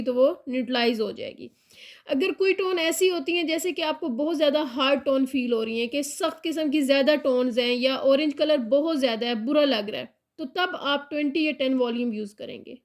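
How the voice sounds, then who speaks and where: High-voiced woman teaching hair colour. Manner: patient, repeats key points, mixes English terms into Urdu-Hindi speech. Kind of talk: classroom tutorial.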